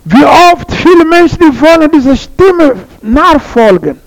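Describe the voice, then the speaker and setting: A man's voice: very high-pitched, lively intonation, measured pace, gravelly, rough recording. A man preaching a sermon to a congregation, repeating his phrases and putting questions to his listeners.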